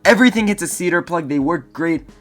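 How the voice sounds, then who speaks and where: A man's voice: a little high, expressive, quick pace, a bit bright. A man presenting a top ten countdown review to viewers in a casual, emphatic way, stressing and repeating key phrases. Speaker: host of a fishing gear review video. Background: music.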